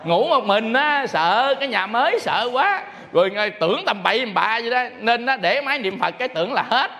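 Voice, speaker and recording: A Buddhist monk giving a sermon, animatedly telling stories and acting out phone calls. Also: male voice, very high-pitched, lively intonation, brisk, pushed and bright. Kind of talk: sermon with storytelling. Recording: long hall reverb.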